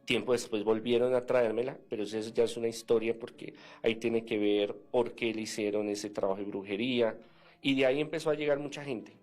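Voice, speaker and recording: A man's voice: mid-range voice, a little fast, faint music behind. Man telling a story, acting out dialogue. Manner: animated, acts out quoted dialogue, many hesitant fillers. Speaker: interview guest, former seminarian. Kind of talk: storytelling in a radio interview.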